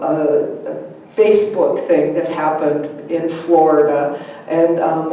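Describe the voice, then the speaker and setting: A woman's voice: on the low side, mellow. A middle-aged woman giving a personal sermon talk at a church service, candid and reflective in a conversational way. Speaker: guest speaker at a church service. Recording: echoey room, distant mic, faint noise.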